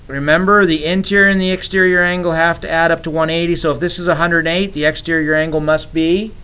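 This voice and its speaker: A man's voice: fairly high pitch, a bit bright, clean tone. A man teaching geometry to a class, upbeat and teasing with his students, in a classroom. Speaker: math teacher. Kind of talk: classroom lecture.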